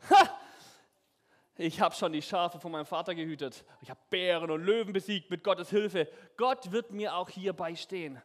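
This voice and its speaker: Ein Mann spielt einen trotzigen jungen Hirten mit schwäbischem Klang. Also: male voice, sits high, normal speed, lightly acted. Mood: defiant. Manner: boastful, determined. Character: brave young shepherd boy, defiant and confident. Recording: echoey hall.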